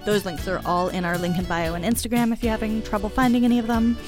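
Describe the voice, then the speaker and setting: A woman's voice: mid-range voice, little pitch movement, fast talker, over music. A woman co-hosting a podcast in casual book chat, chatty with lots of fillers and giggles. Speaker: podcast co-host.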